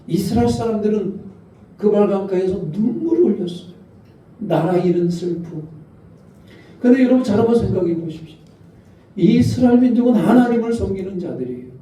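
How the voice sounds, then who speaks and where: A male pastor preaches in a large church, his voice mellow and dark, somewhat high-pitched. He leans on questions to the congregation. The sound is roomy and distant, carried through an echoing hall. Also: sing-song, fairly quick, pauses often. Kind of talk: sermon. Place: church sanctuary. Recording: echoey church hall from far off.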